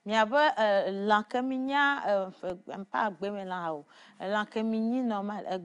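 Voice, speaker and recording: A woman's voice: mid-range voice, unhurried, clean tone. A woman hosting a casual studio chat show in a playful way, laughing easily and switching between languages. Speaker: show host.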